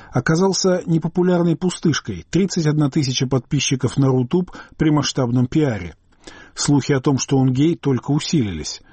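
A man reading out a scornful channel post, listing charges in a flat, cutting way. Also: medium pitch, breathy edge, dry recording. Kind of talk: read-out commentary.

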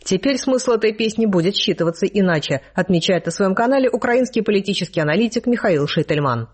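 Male news host, high-pitched and husky, steady scripted read. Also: quick pace.

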